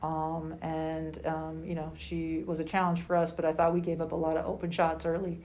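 A woman in her forties, a basketball head coach answering questions at a postgame press conference, speaking in a measured, halting way with many fillers. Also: sits low, completely flat delivery, a little mellow. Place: small room indoors at a table.

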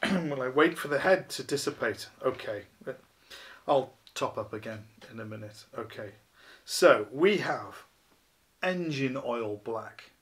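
A man's voice: mid-range voice, expressive, a little slow. Chatty beer reviewer in his fifties, rambling and self-mocking, filmed at a living-room table. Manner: chatty, rambling, self-deprecating, many ums and you-knows. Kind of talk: casual beer review to camera. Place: small living room, indoors, seated at a table.

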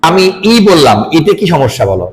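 This playful pronunciation lesson features a Bangladeshi-accented man coaching a student in English, blending English with Bengali and deliberately feigning errors. His medium-pitched voice swings widely in pitch and moves a little fast, captured on a low-quality recording.

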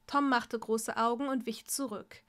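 A woman reading fan fiction aloud in a steady storytelling voice. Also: a little high, unhurried. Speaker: story reader.

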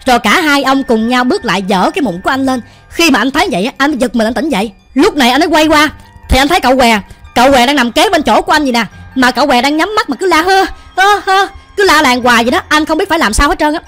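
A woman's voice: high voice, animated, racing, a bit bright. A woman with a Southern Vietnamese accent, telling a ghost story in a chatty, colloquial way. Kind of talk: casual ghost story narration while cooking. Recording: light background music.

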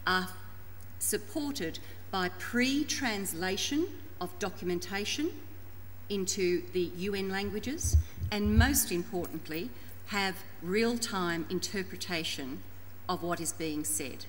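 A woman with an Australian accent presenting to a conference panel in formal, deliberate and articulate phrasing. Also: mid-range voice. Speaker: panel presenter introducing and restating a colleague's talk. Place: large conference room. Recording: echoey hall with background noise.

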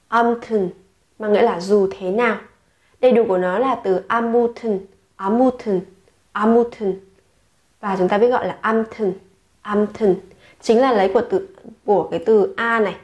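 A woman's voice: mid-range voice, a little mellow. A woman teaching Korean slang to learners in the second person, saying each word several times before explaining it. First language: Vietnamese.

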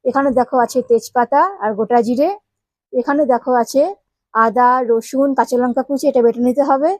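A woman's voice: a little high, fairly even intonation, brisk, mellow, dry recording, rough recording. A woman hosting a home cooking channel, chatting to viewers as she explains each step of a recipe. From Bengal. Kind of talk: casual cooking demonstration.

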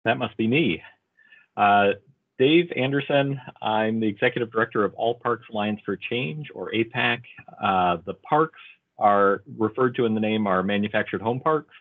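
A man's voice: on the low side, moderate pace. A man introducing himself casually on a video call, with frequent ums and uhs. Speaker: nonprofit executive director. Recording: tinny phone-like audio.

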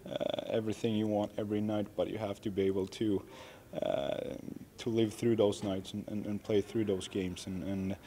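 A man in his thirties, a hockey player, answering reporters after a game in an arena press room, halting and self-critical with many restarts. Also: fairly low pitch, flat delivery, dark tone. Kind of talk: post-game media interview. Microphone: media microphones close up.

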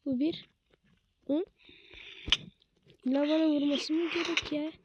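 A woman's voice: sits high, steady tone, measured pace, dull audio, noisy background. A woman giving casual gameplay commentary as a streamer, swearing constantly in short blunt exclamations and slangy street talk.

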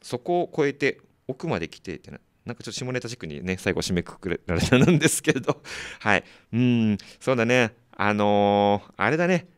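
A man's voice: lowish voice, lively intonation, clean tone, no room sound, clean studio sound. A man hosting a community radio show, reading listener mail in a chatty, joking way with frequent laughter. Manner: chatty, laughing often, quick asides to listeners.

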